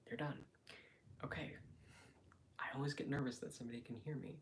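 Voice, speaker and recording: A man talking casually and quietly on a late-night livestream from home, in a hesitant, rambling, reflective way. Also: mid-range voice, steady tone, brisk, slight background noise. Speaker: live streamer. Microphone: phone.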